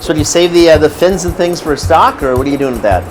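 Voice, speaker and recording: A man hosting a casual interview in a restaurant kitchen, chatty and full of quick affirmations. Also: a little high, music in the background, low-quality recording. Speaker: show host.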